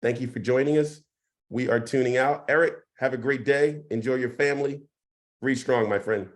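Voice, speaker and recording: Hoarse man hosting a casual interview. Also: mid-range voice, normal speed. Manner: encouraging, appreciative. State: hoarse, voice partly lost. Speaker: host.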